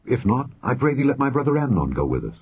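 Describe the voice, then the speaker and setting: A man's voice: mid-range voice, very animated, fast, slightly rough, pitched above the performer's own voice, full character voice. A man reading aloud lifts his voice a little for an insistent young prince giving orders. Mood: urging. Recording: muffled phone-like audio.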